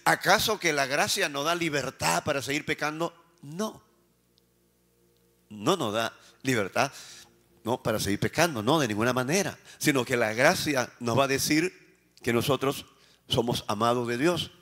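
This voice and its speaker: A Peruvian man preaching a sermon as a pastor. He fires questions at the congregation, answers them himself, and swings between raised emphatic lines and quiet, slowed phrases. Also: mid-range voice. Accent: Peruvian Spanish.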